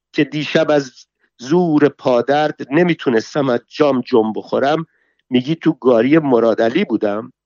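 A man's voice: fairly high pitch, no echo, dull audio, natural voice. A man voicing a foul-mouthed, quarrelsome middle-aged woman, hurling insults while reading a story aloud. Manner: shouting insults, scolding.

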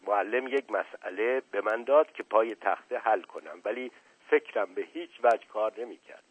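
A man's voice: lowish voice, slightly rough, no echo. Male storyteller reading expressively, dry tinny recording, medium voice. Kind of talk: scripted story narration, acting all parts. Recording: narrow tinny phone-like sound, dry.

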